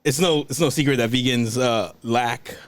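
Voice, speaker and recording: A man's voice: medium pitch, no room sound. Young man, podcast co-host, casual chat, rambling, stumbling restarts, dry close sound. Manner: rambling, halting restarts, many fillers.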